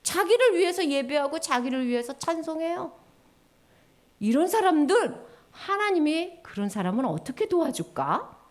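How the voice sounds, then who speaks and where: A woman giving a children's sermon in a lively, sing-song storytelling way, acting out little voices. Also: sits high, normal speed.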